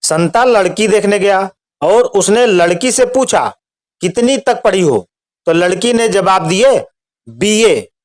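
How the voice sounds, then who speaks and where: High-voiced man reading jokes. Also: lively intonation, slow pace, a little hiss or hum.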